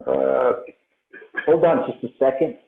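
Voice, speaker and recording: A man's voice: mid-range voice, huge pitch swings, noisy background. Guy on a call sounding like he's in a tunnel, echoey tinny line, lots of uh's while he presents. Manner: hesitant, many filler pauses. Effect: echoing tunnel sound, as if underwater. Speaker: presenter at a meeting. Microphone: remote call from a computer.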